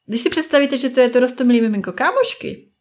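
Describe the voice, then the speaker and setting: Chatty Czech mom talking casually. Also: female voice, sits high, lively intonation. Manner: chatty, acts out friends and children in quick asides. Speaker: parenting podcast host. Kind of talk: casual solo talk.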